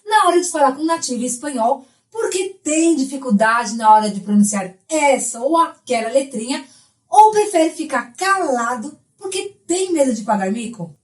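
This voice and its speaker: A woman who is a Spanish teacher, explaining a language lesson in a clear, explanatory way. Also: high voice, expressive, normal speed, reverberant.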